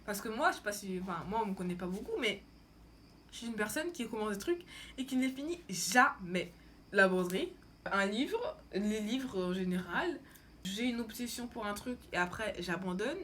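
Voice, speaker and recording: Talking casually to camera as a vlogger, a young woman from France uses a mid-range, slightly bright voice at a moderate pace, sounding animated. She rambles informally with plenty of slang, and there's a little background noise.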